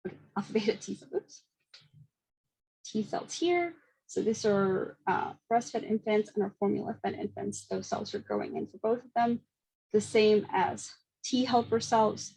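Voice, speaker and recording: A young woman presents a seminar talk at a brisk clip, with frequent ums and small laughs. Her voice has a gravelly fry and a slightly husky edge. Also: mid-range voice, a little mellow, poor audio. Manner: quick, with fillers and small laughs. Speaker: student presenter.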